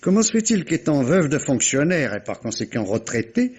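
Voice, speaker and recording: In a dull vintage radio recording of a 1950s-style French mystery drama, an actor voices a courteous, flustered police inspector who is polite, hesitant and persistent, with a veiled voice. His male voice is a little high, husky and a little mellow, with big pitch swings at normal speed. He sounds apologetic and stumbles over repeated words.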